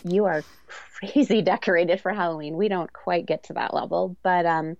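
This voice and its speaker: A woman's voice: fairly low pitch, fairly even intonation, normal speed, a little mellow, no room sound, lo-fi sound. A woman chatting casually as a podcast guest, self-deprecating and giggly in manner. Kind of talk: casual chat.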